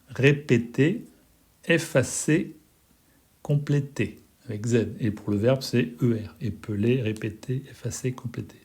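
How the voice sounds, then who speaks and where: Slow, patient male French teacher. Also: medium pitch, warm tone. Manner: slow, patient, repeats and spells out words. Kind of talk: slow classroom instruction video.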